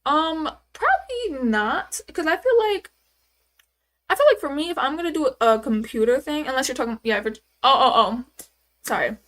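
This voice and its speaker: A livestreamer in her twenties chats casually, rambling and answering viewers' questions with lots of fillers. Her voice is high, animated and a bit bright, at a moderate pace.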